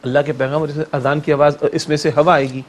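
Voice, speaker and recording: A man's voice: on the high side, little pitch movement, background noise. A male Islamic scholar on a religious TV talk show, speaking emphatically and preachily, piling up rhetorical questions and repeated lists.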